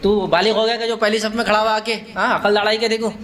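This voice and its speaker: The voice is high and a bit bright with little pitch movement, belonging to an Islamic preacher addressing a live gathering. He treats his religious lecture like a conversation, asking listeners questions, using some English words, and laughing as he acts out quotes and scenes.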